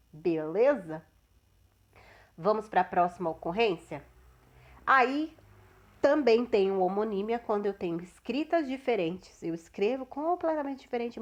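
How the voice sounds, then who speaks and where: Woman, Brazilian Portuguese accent, grammar teacher, patient explanation, frequent check-ins, mid pitch. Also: a little mellow. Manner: checks in often with "certo?", slows down on example words.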